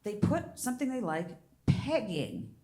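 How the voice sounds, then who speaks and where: An older woman doing a bawdy stand-up comedy set on a theater stage, brash with loud squealing outbursts. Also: medium pitch, big pitch swings, a little slow, a little hiss or hum. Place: theater stage before a live audience.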